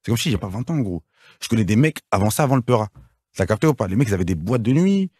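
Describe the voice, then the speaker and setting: A man talks fast in slangy, animated casual chat as an interview guest, keeping in touch with his listener. His pitch moves a lot. The sound is close and dry. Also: slightly rough, dry recording. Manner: slangy, animated, keeps asking "t'as capté ou pas".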